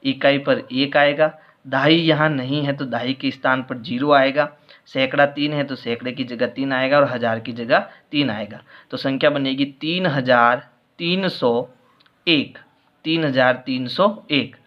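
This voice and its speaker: A man's voice: mid-range voice, steady tone, a little slow. Patient male maths teacher, dull audio. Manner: patient step-by-step explaining, repeating answers. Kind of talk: worksheet explanation lesson.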